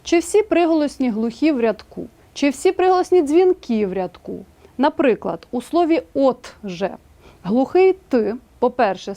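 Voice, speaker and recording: A woman with a Ukrainian accent reading a scripted language lesson, spelling out example words slowly and clearly. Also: fairly high pitch, warm tone. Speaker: language teacher.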